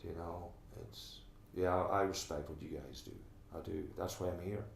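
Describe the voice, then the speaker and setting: A man's voice: low voice, fairly even intonation, moderate pace, vocal fry, echoey room, a little hiss or hum. A middle-aged man from Donegal with an Irish accent, talking earnestly in an oral history interview and often restarting his sentences. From Ireland.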